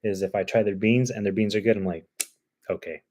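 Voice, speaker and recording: A livestream host from Cuba, speaking with a Cuban Spanish accent, chats casually and rambles with plenty of ums and uhs. His slightly mellow voice is on the low side, fairly even in intonation and fairly quick, with a little background noise behind it.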